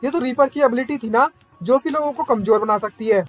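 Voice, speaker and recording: A man's voice: very high voice, brisk, soft background music. A man voicing a proud scheming female villain queen in a storybook recap, haughty and indignant.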